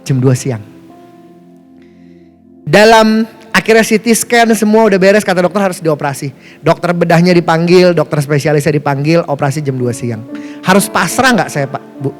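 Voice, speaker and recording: A man's voice: normal speed, soft background music. A male pastor telling a personal story in a sermon, casual speech, playful and chatty, asking the congregation questions and acting out what others said. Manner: acts out quoted voices with sharp pitch jumps. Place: church hall, music behind.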